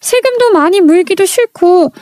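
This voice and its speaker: A woman's voice: very high-pitched, expressive, normal speed, a little mellow, no echo. A woman narrating a first-person family drama story in a confiding, dramatic way.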